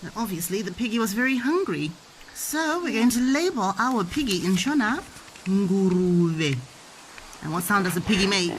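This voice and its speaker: A woman's voice: medium pitch, animated, normal speed, a little hiss or hum, rough recording. A young woman giving a playful children's language lesson as a mother, with encouraging, sing-song questions and repetition. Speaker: mother teaching her toddler.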